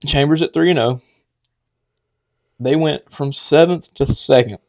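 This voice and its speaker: A man's voice: on the high side, unhurried, creaky. A man co-hosting a sports podcast, arguing his opinions on rankings with confidence. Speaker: podcast co-host. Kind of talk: casual sports talk.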